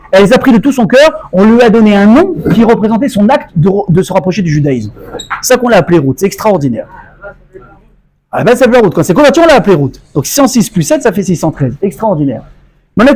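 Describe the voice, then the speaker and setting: Rabbi, male, high voice, lively storytelling lecture. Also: low-quality recording. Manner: animated storytelling, acts out dialogue. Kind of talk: Torah lecture with anecdotes.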